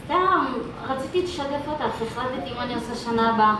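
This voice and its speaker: A woman's voice: high-pitched, expressive. A young woman playing an idealistic daughter who has become a soldier and speaks earnestly, in a live stage skit. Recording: echoey hall, distant mic, loud audience noise.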